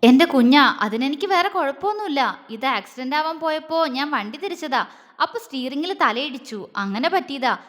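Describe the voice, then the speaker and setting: A woman's voice: sits high, expressive, moderate pace. Woman voicing a doting young lover man. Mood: soothing. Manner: soft, coaxing, affectionate. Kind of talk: audio story character voice.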